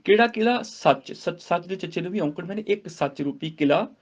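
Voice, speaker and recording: A man teaching a scripture grammar class at a gurdwara, chanting verses slowly and then explaining them word by word. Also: sits high, animated. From India. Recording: dull lo-fi recording.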